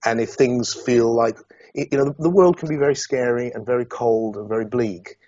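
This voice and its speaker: A man's voice: medium pitch, brisk, no echo, dull audio. A middle-aged man from Somerset, England, a guest in an interview, talking reflectively and hesitantly, with many restarts. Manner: hesitant, many restarts, animated when recounting.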